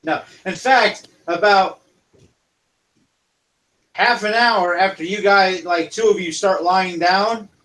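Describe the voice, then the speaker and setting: High-voiced man running a tabletop game. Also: takes it slowly, pauses often, a bit bright, poor audio. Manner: casual, rambling narration. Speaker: dungeon master.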